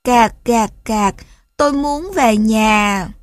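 A woman's voice: a little high, slow pace, no room sound. Woman doing a crying lost little duckling. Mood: tearful. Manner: whiny, tearful.

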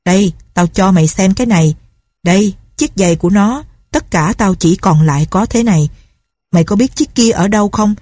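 A woman's voice: medium pitch, brisk, dark tone, slightly rough, no room sound, studio quality, lightly acted. A woman reading a storybook, voicing a bitter, grief-crazed older woman who threatens a girl harshly. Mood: grieving. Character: grief-crazed vengeful older female recluse.

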